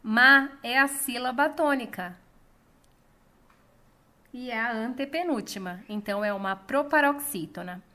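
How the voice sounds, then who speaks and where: A woman with a Brazilian Portuguese accent teaching a lesson, calling out words slowly and drawing out the stressed syllable. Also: on the high side, sharp tone. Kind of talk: slow, clear classroom lesson.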